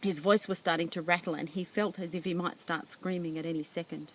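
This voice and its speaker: A woman reading a novel aloud as its reader, in a plain, steady and unhurried way. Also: lowish voice, low-quality recording.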